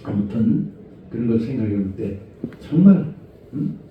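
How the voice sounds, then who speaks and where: A middle-aged man preaching a conversational sermon as senior pastor, asking rhetorical questions and moving between low murmurs and raised exhortation. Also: lively intonation, unhurried. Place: church sanctuary. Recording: echoey church hall, far from mic, dull sound.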